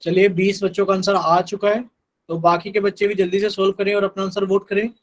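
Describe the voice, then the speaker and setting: A man's voice: high-pitched, little pitch movement, brisk, low-quality recording. A man teaching a live online math class, patiently repeating instructions to his students.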